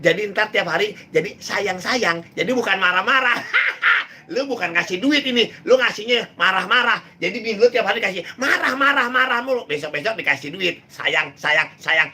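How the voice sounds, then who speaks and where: A man's voice: high-pitched, pushed and bright, husky. A young man hosting a live comedy stream, teasing viewers and drawing out words in a sing-song way. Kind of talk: joking live chat answering viewer comments.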